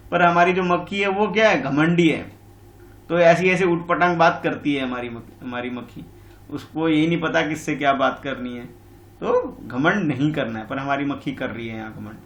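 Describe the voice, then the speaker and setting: Male teacher for a children's lesson: patient, repeats himself, voice a little high, echoey room. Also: moderate pace, fairly bright tone. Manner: patient and repetitive, calls pupils बेटा. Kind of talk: online class lesson explaining a textbook.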